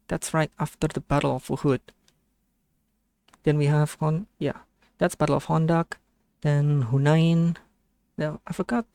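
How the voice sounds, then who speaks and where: Creaky-voiced Indonesian streamer, thinking aloud. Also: mid-range voice, darkish tone, no echo. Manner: hesitant, thinking aloud, self-correcting. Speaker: streamer reacting to a video. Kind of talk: casual reaction commentary.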